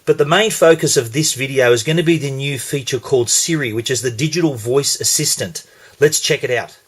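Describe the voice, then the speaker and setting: An Australian man hosting a relaxed gadget demonstration in an easy middle-pitched voice. He talks through each step in a chatty, explanatory way, sometimes restarting a phrase mid-thought. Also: brisk, slightly rough. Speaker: tech reviewer. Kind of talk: casual product demo.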